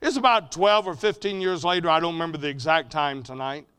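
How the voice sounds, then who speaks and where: Forceful, bright-voiced male preacher. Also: a little fast, smooth. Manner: builds to loud, emphatic peaks, then drops low and quiet. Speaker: preacher at a mission conference. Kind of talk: sermon.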